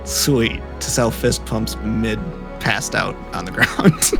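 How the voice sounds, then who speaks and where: Male player, playful and loose, music clearly behind. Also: fairly low pitch, takes it slowly. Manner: playful, laughs often. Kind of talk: casual tabletop game play.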